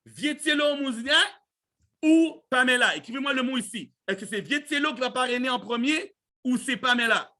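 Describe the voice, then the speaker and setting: Male live-training host, mixed in, high bright voice, casual motivational delivery. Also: normal speed. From Canada. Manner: animated, repeats himself, mixes in English words.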